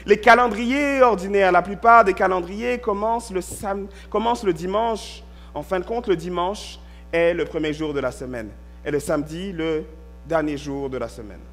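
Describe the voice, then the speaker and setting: A man with a notably high voice for a male speaker preaches from a church pulpit. He reads a passage aloud and then explains it in small, methodical steps, pausing to check in with his listeners. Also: a bit bright. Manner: reads scripture, then explains step by step with frequent "ok". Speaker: pastor. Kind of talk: sermon.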